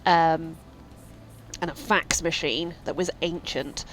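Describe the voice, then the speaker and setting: A woman's voice: sits low, steady tone, slow pace, a bit bright, a little hiss or hum, poor audio. A woman rambling casually while streaming a game, full of fillers and asides. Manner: rambling, chatty, many fillers. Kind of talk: casual let's-play chat.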